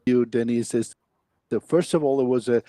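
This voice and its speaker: A man's voice: mid-range voice, dark tone, dry recording, clean studio sound. Man on a dropping video call. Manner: halting, fragmented phrasing. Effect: video call audio cutting out. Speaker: interview guest. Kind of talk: casual video call chat.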